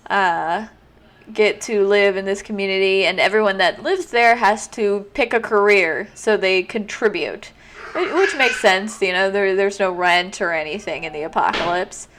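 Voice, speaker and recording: A woman's voice: mid-range voice, fairly bright tone. A woman streaming herself reading a story game aloud, casual and chatty, laughing often.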